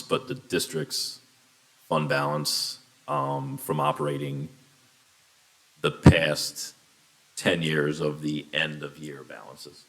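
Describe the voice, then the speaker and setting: Very deep-voiced man dictating requests. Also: vocal fry, a bit bright. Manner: measured, deliberate, slows down to dictate requests. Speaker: union coalition spokesperson. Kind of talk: formal negotiation statement.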